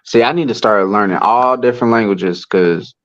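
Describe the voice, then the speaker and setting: A man's voice: on the low side, normal speed, dry recording, lo-fi sound. A man livestreaming, chatting in a laid-back, country way. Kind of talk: casual chat.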